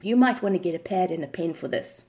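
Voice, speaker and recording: A woman's voice: lowish voice, fast talker, close to an everyday voice. Woman doing a curt, blunt male therapist. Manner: curt, impatient, deadpan.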